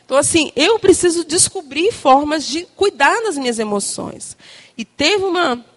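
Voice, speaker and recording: A woman giving an informal, chatty sermon to a congregation, animated and full of tag questions and quoted asides. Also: high-pitched, moderate pace. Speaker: church speaker addressing women.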